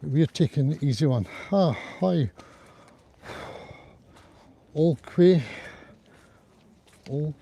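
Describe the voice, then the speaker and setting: Guy doing a casual walking livestream outside, really dark mellow husky voice, rambly chat into a clip-on mic. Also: fairly high pitch, expressive, slow pace, long pauses, lo-fi sound. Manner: chatty, rambling, greets viewers as he goes. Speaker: livestream host on a group walk. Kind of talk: casual live vlog chat to viewers. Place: outdoors on a riverside hiking trail in cold wind. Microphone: small DJI clip-on mic worn near the throat.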